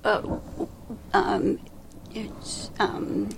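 Woman, very slow and halting, gravelly breathy voice, noisy background. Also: medium pitch, level tone. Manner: halting, searches for words, repeats short agreements. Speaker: group member. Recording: clear background noise.

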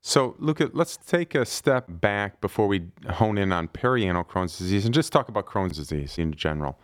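Low-voiced podcast host asking questions. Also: male voice, lively intonation, moderate pace, dry recording, clean studio sound. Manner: friendly, conversational questioning. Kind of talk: podcast interview.

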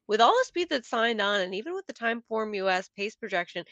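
A woman guest on a casual podcast, laying out her picks in a brisk, detailed, analytical way. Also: on the high side, big pitch swings, a bit bright, dry recording. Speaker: podcast guest and horse racing handicapper.

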